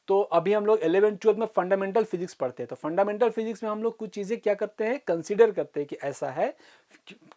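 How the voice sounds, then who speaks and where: A woman teaching an online physics class for exam students. She explains step by step, slows down to dictate formulas, and keeps checking that students follow. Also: medium pitch, a little mellow. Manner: explains step by step, often asks "ठीक है?" to check understanding.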